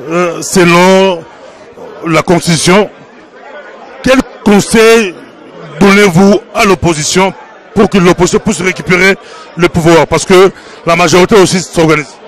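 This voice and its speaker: A male interviewer presses his guest with probing, challenging questions. His voice sits fairly high. He is outdoors in a city, with a faint crowd in the background. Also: fairly even intonation, measured pace.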